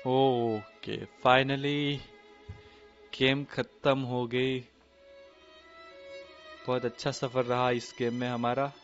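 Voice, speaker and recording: A young man, excitably commenting live on a horror game as he plays and mixing Hindi with English. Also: medium pitch, extremely slow, pauses often. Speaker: gaming streamer. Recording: dull lo-fi stream audio with game music.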